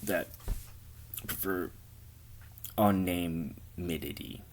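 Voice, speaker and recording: A man's voice: deep voice, extremely slow, a little hiss or hum. A man rambling through a crude improvised comedy story, joking at his own expense. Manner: rambling, crude, self-deprecating.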